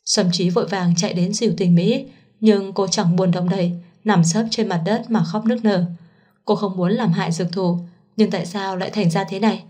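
A woman reading a romance novel aloud as narrator, in a steady, even storytelling voice. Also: mid-range voice, normal speed.

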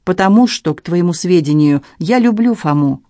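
A woman's voice: on the low side, expressive, normal speed, dark tone, dry recording, natural voice. A woman voicing an older mother who speaks frankly and earnestly to her daughter. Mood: tender.

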